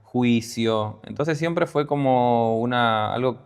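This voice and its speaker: Speaking slowly in a mid-range, gravelly, clear, resonant voice, a Peruvian-born entrepreneur with a Rioplatense accent recounts his business story as an interview guest. The casual conversation is hesitant and full of fillers and restarts.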